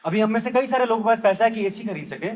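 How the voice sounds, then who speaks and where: Speaking very fast in a voice that sits high, a young Delhi man works through a conversational stand-up set, slipping briefly into impressions of locals. The recording from the comedy club stage is very noisy, with live audience laughter throughout.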